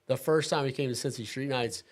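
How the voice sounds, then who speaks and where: An easygoing man hosts a casual talk, his voice sitting at a middle pitch. He laughs readily and works through his thoughts with fillers and restarts. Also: fairly even intonation, a little fast. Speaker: host. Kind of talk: casual chat.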